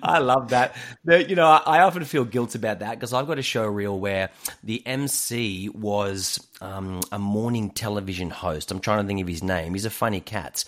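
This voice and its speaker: A man in a casual podcast chat, telling stories in an animated, slangy way and laughing often. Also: on the low side, normal speed.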